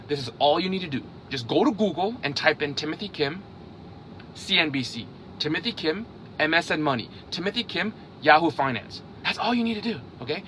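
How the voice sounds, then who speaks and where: A man's voice: a little high, pushed and bright, slight background noise. A man in his thirties, raised in Hungary, talking casually to camera and checking in with "okay?" after nearly every point. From South Korea, raised in Hungary. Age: 30s. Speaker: vlogger on investing. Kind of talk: casual direct-to-camera talk.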